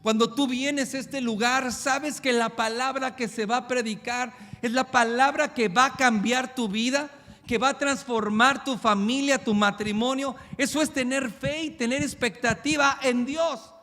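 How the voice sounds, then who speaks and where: A male pastor, preaching a sermon with emphatic, rapid-fire rhetorical questions. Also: very high-pitched, fairly even intonation, sharp tone, in a large hall.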